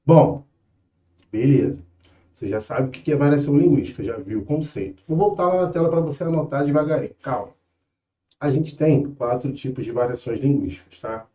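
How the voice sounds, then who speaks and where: A man's voice: medium pitch, expressive, a little fast, dark tone, reverberant, lo-fi sound. A young man with a Rio de Janeiro accent teaching an exam-prep lesson in a casual, patient way, often checking in with his students. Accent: Rio de Janeiro Brazilian Portuguese.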